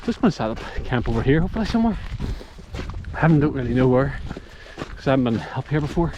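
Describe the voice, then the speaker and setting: A man's voice: mid-range voice, big pitch swings, quick pace, highs cut off. A man with a Northern Irish accent, chatting casually and thinking aloud as he hikes a wet mountain trail, filmed on a handheld phone. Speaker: hiking vlogger. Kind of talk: casual walk-and-talk vlog. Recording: loud wind noise outdoors. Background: wind and rain.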